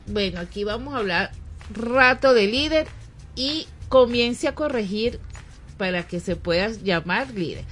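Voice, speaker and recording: A woman's voice: fairly high pitch, a bit bright, a little hiss or hum. A woman with a Venezuelan accent hosting a radio talk show, speaking thoughtfully, correcting herself and turning to address listeners directly. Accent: Venezuelan Spanish. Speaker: radio host. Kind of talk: casual studio chat. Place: radio studio.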